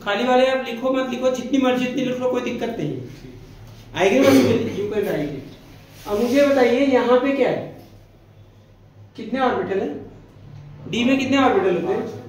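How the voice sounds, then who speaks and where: In an echoey classroom, a very high-pitched male teacher delivers a chemistry lecture at normal speed, pausing often. He quizzes the students, supplies the answers himself, and lovingly calls them "beta."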